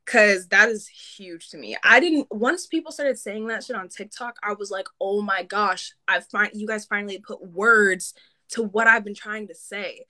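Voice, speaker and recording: A young woman hosting a casual livestream, talking candidly and swearing freely in quick bursts. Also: mid-range voice, pushed and bright. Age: young adult. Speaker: livestream host. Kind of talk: casual live-stream chat.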